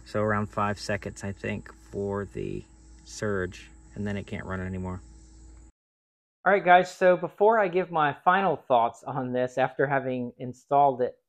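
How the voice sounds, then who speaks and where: A man in his forties who hosts a do-it-yourself channel chats informally through a practical tool test, restarting as he reasons aloud. His voice sits in the mid range with no echo, captured close on a phone camera on gravel outside and in a workshop.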